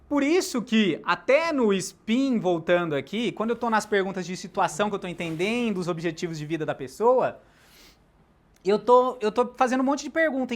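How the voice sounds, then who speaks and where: A man giving a live sales lecture, animated, shifting loudness and pace for emphasis and throwing questions at the audience. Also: high voice. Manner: talks directly to the audience with questions.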